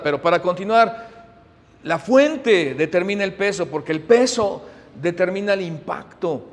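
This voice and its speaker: Man, pastor, sermon, high voice, loud-to-hushed swings. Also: long reverb tail. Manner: animated, swings from loud emphasis to hushed asides.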